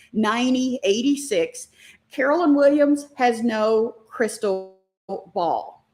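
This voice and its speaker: A middle-aged woman hosting a live online stock class, talking fast and animated while she reacts to viewer comments. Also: medium pitch. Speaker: stock market class host.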